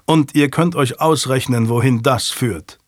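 A man voicing a stern middle-aged nobleman who talks to his sons in a measured, grave way. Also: medium pitch, dry recording, clean studio sound, lightly acted.

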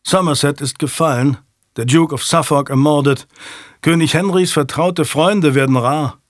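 A man's voice: fairly high pitch, normal speed, dry recording, clean studio sound, natural voice. A man voicing a grave medieval nobleman. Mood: stern. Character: stern middle-aged nobleman, grave father.

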